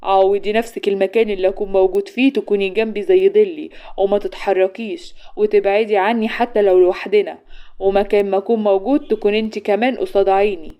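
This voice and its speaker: A woman's voice: medium pitch, fairly even intonation, fast talker, highs cut off, close to an everyday voice. A woman voicing a sly, bossy young man. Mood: forceful. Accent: Egyptian Arabic. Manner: sly, commanding, teasing.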